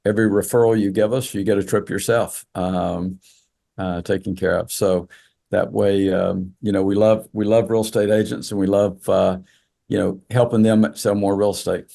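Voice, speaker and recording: A man from South Georgia, speaking as an interview guest in a halting way, with many fillers. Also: lowish voice, level tone, creaky, dark tone. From South Georgia, USA. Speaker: entrepreneur guest. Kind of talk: casual interview chat.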